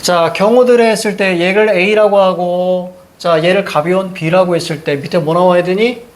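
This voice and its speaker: Man, high voice, classroom lecture, rhetorical questions, barked commands. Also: steady tone, a little slow. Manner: drilling with constant rhetorical questions; emphatic, barking short commands. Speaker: Korean reading teacher. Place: classroom with a blackboard.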